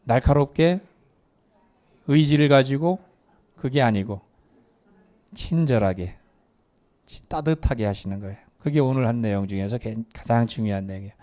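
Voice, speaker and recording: This man's voice is warm and medium in pitch. He's teaching a live meditation class in a meditation hall, questioning his listeners and leading them through exercises.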